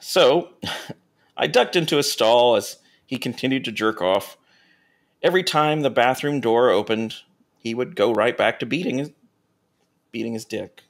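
A man co-hosting a comedy podcast, reading erotica aloud with deadpan asides and casual chat. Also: medium pitch, measured pace, pauses often. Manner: deadpan asides between read passages. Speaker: podcast co-host reading stories.

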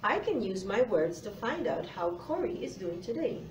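A woman's voice: mid-range voice, sing-song, moderate pace. A middle-aged woman presenting a phonics lesson as a teacher, encouraging and speaking directly to young children, recorded by a camera across a classroom. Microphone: far camera. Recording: roomy, faint noise, distant mic.

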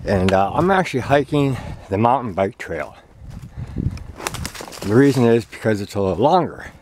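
A man talking casually while walking a woodland trail, filming from behind a handheld camera, relaxed and chatty with fillers. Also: medium pitch, moderate pace, background noise. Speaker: hiker filming a trail walk. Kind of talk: casual vlog narration. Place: outdoors on a leafy woodland trail. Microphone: handheld camera, speaker behind it.

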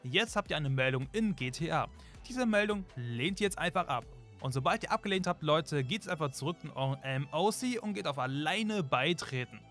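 A man's voice: on the high side, animated, normal speed, fairly bright tone. A young man narrating a game tutorial in a chatty way, constantly addressing his viewers. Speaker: gaming YouTuber. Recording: faint music behind.

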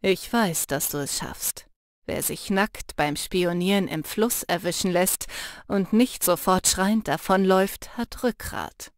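Woman voicing a low, earnest young shapeshifter man. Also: unhurried, no echo, studio quality, lightly acted. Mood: urging. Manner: low, earnest and urging, soft when teasing. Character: intense protective young male shapeshifter. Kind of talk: audiobook character voice.

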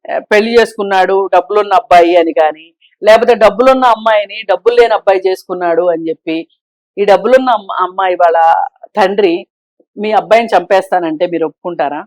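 A woman guest on a talk show, giving her opinions forcefully and pressing her point with rhetorical questions. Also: medium pitch, fast talker, dry recording. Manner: emphatic, argues with rhetorical questions. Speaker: social commentator guest.

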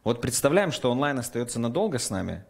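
A man hosting an online interview, asking long rambling questions with animated asides. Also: medium pitch, fast, vocal fry, slightly rough. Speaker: interview host.

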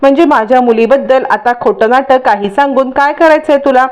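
A furious, betrayed older father scolds the girl who lied to him, as a woman narrator reads him out. His lines come a little higher and sharper than her own narration. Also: a little fast, lo-fi sound, natural voice. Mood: angry. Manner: indignant, scolding. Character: angry wealthy older father, deceived and furious.

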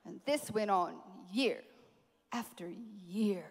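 A woman preaching a sermon at a conference, animated, with playful asides to the crowd. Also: medium pitch, takes it slowly, long reverb tail. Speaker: conference speaker. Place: large conference hall.

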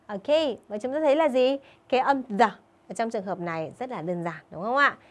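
This is a woman teaching an online English lesson to schoolchildren, her voice sitting on the higher side. She checks in with her pupils often and slows down deliberately whenever she models an English sentence.

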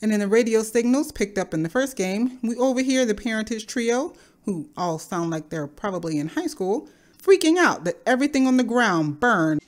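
A woman giving a scripted, explanatory narration in a measured, speculative manner. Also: a little high, expressive. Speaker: video creator narrating a game theory.

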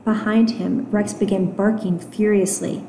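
A woman teacher reading a novel aloud to her students, stopping for gentle explanatory asides with fillers. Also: medium pitch, fairly even intonation, measured pace, slight background noise. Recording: roomy echo.

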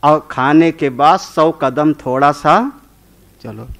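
Slow, fairly high-voiced male preacher. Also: creaky, a bit bright. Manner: conversational, often checking with listeners; tells homely stories. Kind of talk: sermon on scripture.

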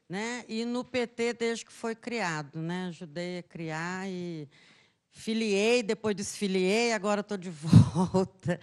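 A woman in her fifties from Minas Gerais, a health worker, introducing herself in a chatty way with many tag questions into a handheld microphone. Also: medium pitch. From Minas Gerais, Brazil.

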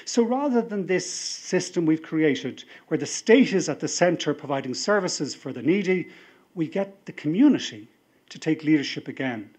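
A man's voice: on the high side, lively intonation, normal speed, a little mellow, breathy edge. Rousing Irish man at a podium. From Ireland. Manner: rousing speech-making, building to emphatic appeals. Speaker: party leader. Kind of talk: political convention speech. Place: large hall with a seated audience, indoors. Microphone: podium microphone.

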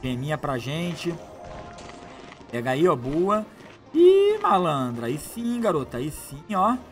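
Hyped young gamer, bright voice. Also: male voice, fairly high pitch, expressive, takes it slowly, faint music behind. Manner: hyped, slangy, repeats phrases, shouts at the screen. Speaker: gameplay youtuber. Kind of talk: excited gameplay commentary.

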